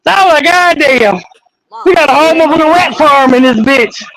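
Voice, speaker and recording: A woman's voice: high-pitched, animated, a little fast, fairly bright tone, rough recording. An older woman with grandchildren, telling stories in casual, profane, blunt chat on a live panel.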